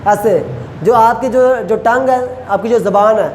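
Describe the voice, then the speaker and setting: A male lecturer who teaches Chinese pronunciation, repeats syllables slowly and quizzes his students. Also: sits high, darkish tone. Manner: asks students questions. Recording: echoey room, faint ambient noise.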